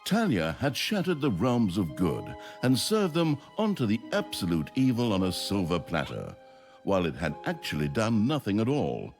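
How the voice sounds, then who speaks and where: A pompous fantasy game narrator with a low voice that swoops widely. His scripted storytelling is wry and tongue-in-cheek. Music plays clearly behind him. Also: huge pitch swings, normal speed. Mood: wry, theatrical.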